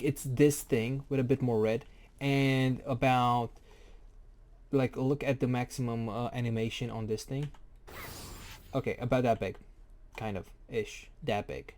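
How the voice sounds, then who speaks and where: Man, mellow warm voice, casual game tutorial, rambling, jokey, self-correcting. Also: mid-range voice. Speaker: game guide creator.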